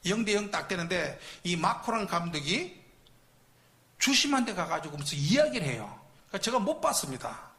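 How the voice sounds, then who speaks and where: At a Friday night service in a church sanctuary, a high-pitched male preacher delivers an animated testimony in the form of a storytelling sermon, shouting out his reenactments.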